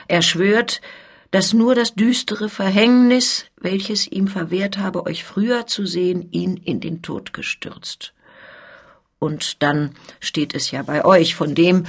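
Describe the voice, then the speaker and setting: Woman reading as a smooth, insistent police officer. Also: lowish voice. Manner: formal, persuasive speech.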